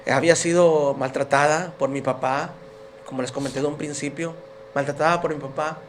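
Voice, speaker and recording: A man's voice: fairly high pitch, steady tone, fairly quick, slight background noise. A man giving his personal faith testimony as a podcast guest, telling his story in an earnest, emotional way.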